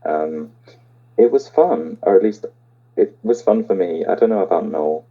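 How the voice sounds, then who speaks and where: A man's voice: deep voice, normal speed, husky, narrow, tinny audio. A young man hosting a casual podcast chat, hesitant and full of ums. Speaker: podcast host.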